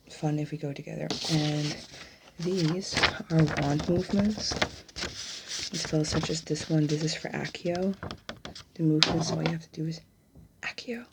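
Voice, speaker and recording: A woman in an ASMR role-play as a gossipy, bookish young witch student, speaking in a hushed, halting, conspiratorial way as if sharing a secret. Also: low voice, heavy background noise.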